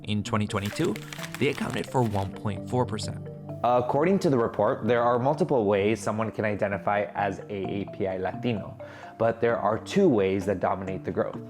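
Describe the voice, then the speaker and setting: A man hosting a news explainer, narrating a script in a clear, explanatory way. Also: fairly low pitch, moderate pace, music in the background. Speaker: host and video journalist.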